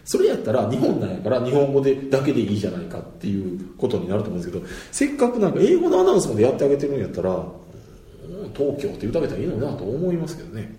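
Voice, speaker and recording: A man's voice: mid-range voice, huge pitch swings, very fast, hardly any pauses, dark tone. A man with a Kansai accent talking through his views in a casual, chatty monologue, often laughing between points. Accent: Kansai Japanese. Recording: roomy echo.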